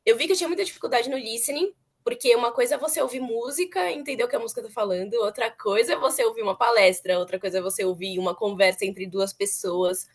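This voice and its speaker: A woman's voice: fairly high pitch, fast talker, hardly any pauses, slightly rough. A young woman chatting earnestly as an interviewee, repeating words for emphasis. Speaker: former student interviewee. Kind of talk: casual interview chat.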